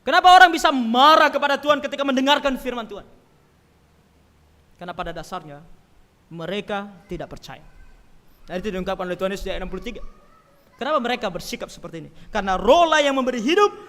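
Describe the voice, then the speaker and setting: Preacher, male: high, bright, forceful voice, emphatic, heard with long church reverb. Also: fast talker, long pauses. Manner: emphatic, swings from loud stresses to quiet asides. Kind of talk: sermon.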